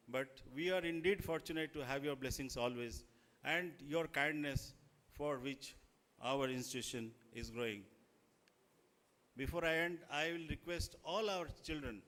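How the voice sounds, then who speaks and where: A man with an Indian accent gives a formal, deferential public speech in deliberate short phrases. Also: medium pitch, fairly bright tone. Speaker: school chairman addressing a chief guest.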